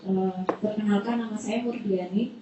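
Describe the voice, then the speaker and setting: A young woman in the audience asks a question hesitantly, with many pauses and fillers. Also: medium pitch, steady tone. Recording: very echoey, noisy, off-mic.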